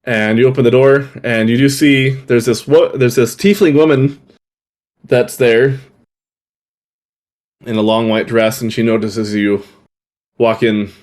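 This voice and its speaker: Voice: mid-range voice, steady tone, measured pace, long pauses, darkish tone. A game master narrating a tabletop role-playing session in a loose, laughing way.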